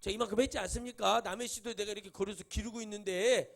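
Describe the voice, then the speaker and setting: A weepy, self-pitying prophet whines and sobs his protests, high and rough-edged. He sounds put-upon and pleading, as voiced by a male preacher. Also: steady tone, quick pace. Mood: whining. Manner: whiny, complaining. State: crying. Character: whining, weeping male prophet pleading with God.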